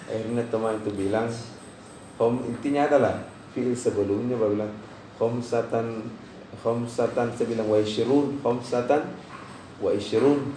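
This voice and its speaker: A man's voice: moderate pace, dark tone. A man teaching Arabic grammar to a class in Indonesian, telling stories between points and often checking that students follow. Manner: digressive storyteller, drops his voice low, frequent checks "jelas?". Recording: roomy class recording from far off with faint noise.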